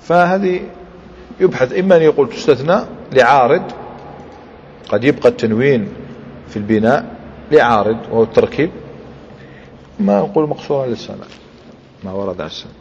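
A man gives a classroom grammar lesson in a long-echoing hall. He walks through each point step by step and keeps tossing quick questions at his students. The recording is dull and lo-fi, with a faint hiss of room noise. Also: mid-range voice, expressive, a little mellow. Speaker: Islamic scholar teaching Arabic grammar.

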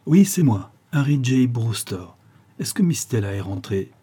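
A man reading the part of an excitable young American officer in love, in an eager, exclamatory way. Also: mid-range voice, unhurried, breathy edge.

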